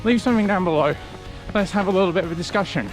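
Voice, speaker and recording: A man talking casually to camera as a running vlogger, in a reflective, conversational way with halting short phrases. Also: high voice, music in the background. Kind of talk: casual vlog talk to camera.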